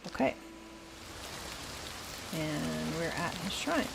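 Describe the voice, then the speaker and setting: An older woman who hosts a gaming channel thinks aloud slowly as she plays a video game, musing in casual commentary. Her scratchy voice sits low and has vocal fry. Steady rain can be heard in the background.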